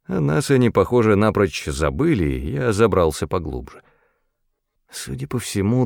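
A man narrating a fantasy audiobook in the first person, measured and expressive. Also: deep voice, creaky, no room sound, clean studio sound.

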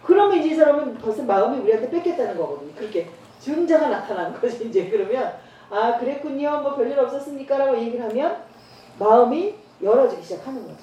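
A woman's voice: on the high side, fast, highs cut off. Woman preaching in an echoey church hall. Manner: storytelling, acts out dialogue with lively voices. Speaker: evangelist preacher. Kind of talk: church training talk with anecdotes. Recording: roomy church hall, far from mic, faint noise.

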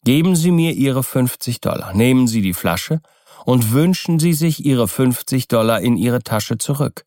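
A man's voice: medium pitch, lively intonation, a little mellow, no room sound, studio quality, close to an everyday voice. A man voicing a sly, persuasive older seller in an audiobook reading. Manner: smooth, persuasive, measured explaining. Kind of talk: audiobook character voice.

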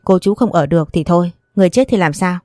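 A woman's voice: lowish voice, fast, a little mellow, dry recording, clean studio sound, faint music behind, close to an everyday voice. Woman reading as a stern older uncle. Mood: angry. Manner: firm, scolding. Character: stern older man, protective uncle figure.

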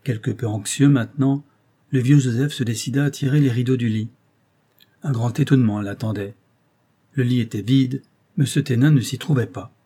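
A man reading a novel aloud with steady narration. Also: medium pitch, moderate pace, breathy edge. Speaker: audiobook reader.

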